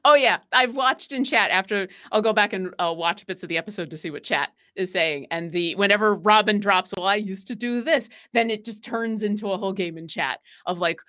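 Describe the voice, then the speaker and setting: Woman from upstate new york chatting on a podcast, lots of ums and restarts, middle pitch. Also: brisk, few pauses, bright, forceful tone. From New York State. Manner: hesitant, many fillers and restarts. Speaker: podcast guest, tabletop game player. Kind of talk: casual chat.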